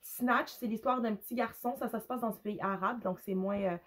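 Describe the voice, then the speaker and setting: A woman with a Quebec French accent and a hoarse, gravelly voice, casually reviewing books in a hesitant, rambling way with English words slipped in. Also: fairly high pitch, fairly quick, a bit bright. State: hoarse, with a cough. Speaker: book reviewer, mother. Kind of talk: casual unscripted review to camera.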